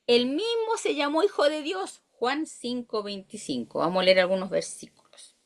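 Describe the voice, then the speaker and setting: A Chilean woman teaches a church Bible study in a lively, swooping voice. Her pitch sits in a middle range. She reads verses aloud and keeps asking her listeners questions.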